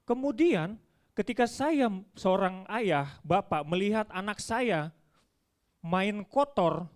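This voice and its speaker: Male preacher with a high voice, animated storyteller, church sermon. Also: slow pace. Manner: animated storytelling, acts out dialogue.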